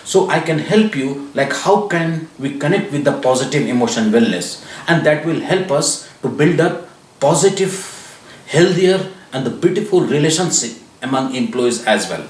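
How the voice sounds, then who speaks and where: A man's voice: fairly high pitch, lively intonation, moderate pace. Echoey, distant man teaching mindfulness. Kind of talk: scripted promotional talk to viewers. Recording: echoey room, distant mic.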